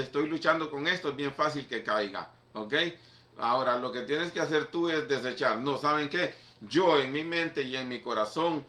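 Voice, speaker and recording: Pastor hispano predicando en sala con eco. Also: male voice, medium pitch, bright, forceful tone, reverberant. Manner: conversational, emphatic preaching with repeated "mira" and "¿ok?". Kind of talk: sermon.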